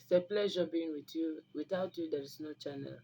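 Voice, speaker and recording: A woman with a deep, warm voice talks fairly quickly in a Nigerian Igbo accent, being a native Igbo speaker. As an online video host offering herbal remedy advice, she addresses viewers informally and emphatically, almost preaching, and repeats phrases for stress. The recording is low quality, with noticeable background noise.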